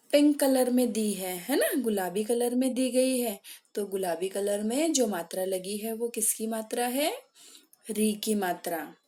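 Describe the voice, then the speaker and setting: A woman teaching a children's class, patiently asking questions and answering them herself, and calling out example words loudly. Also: a little high. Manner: slow, patient, asks and answers her own questions. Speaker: primary school Hindi teacher. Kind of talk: online class lesson.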